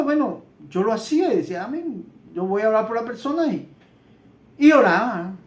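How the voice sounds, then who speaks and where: Earnest Central American preacher in a roomy space. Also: male voice, high voice. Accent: Central American Spanish. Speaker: Bible teacher. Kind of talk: Bible teaching sermon with personal testimony. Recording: roomy echo.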